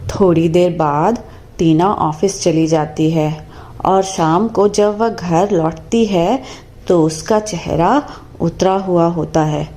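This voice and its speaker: A woman narrating a scripted cartoon story in a slow, steady storytelling manner. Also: on the low side.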